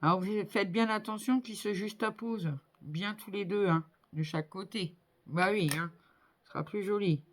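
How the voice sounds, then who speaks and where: A middle-aged woman with a medium-pitched voice chats at a moderate pace while building a model kit. Her commentary on the hands-on work is casual, sprinkled with fillers as she thinks aloud.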